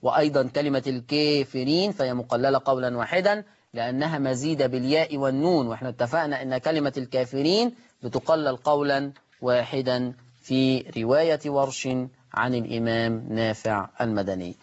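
Egyptian male recitation teacher, patient explainer, repeats each word slowly, dull lo-fi sound. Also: mid-range voice. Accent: Egyptian Arabic. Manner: repeats words slowly, asks and answers own questions. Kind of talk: live recitation lesson with callers. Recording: muffled lo-fi broadcast audio.

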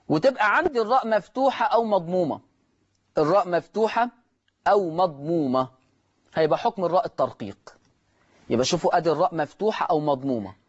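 A man's voice: a little high, muffled recording. A man with an Egyptian Arabic accent teaching Quran recitation rules in a broadcast lesson, repeating key words and quizzing his students. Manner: repetitive, quizzing students with questions. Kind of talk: televised tajweed lesson.

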